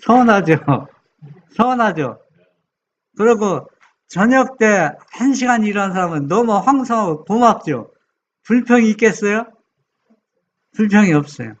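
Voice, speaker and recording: A pastor preaching a sermon, reading scripture slowly and putting questions to the congregation. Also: male voice, sits high, expressive. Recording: dull lo-fi sound.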